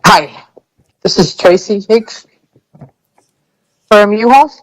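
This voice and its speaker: A man's voice: high-pitched, animated, takes it slowly, low-quality recording. A man joining a meeting remotely as an applicant, giving brief, polite answers over choppy, breaking-up video call audio.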